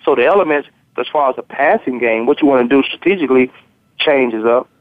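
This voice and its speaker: A man's voice: mid-range voice, a little fast, no room sound. A man calling in to a sports radio show as co-host, giving casual football analysis and repeating words as he goes. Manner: repeats words, loose and talkative. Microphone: telephone. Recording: tinny phone line.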